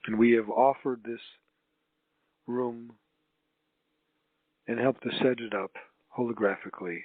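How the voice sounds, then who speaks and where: A man with a steady, medium-pitched voice leads a guided healing meditation as a spiritual channel. His manner is that of a solemn, mystical healer with drawn-out, halting phrases, heard on a roomy, tinny, phone-like line.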